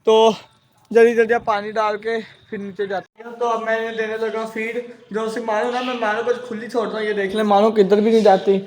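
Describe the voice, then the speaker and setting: A pet-keeping vlogger narrates casually beside his outdoor cages, affectionately telling off his birds while they eat. He speaks briskly in a high-pitched, level, darkish voice, with slight background noise.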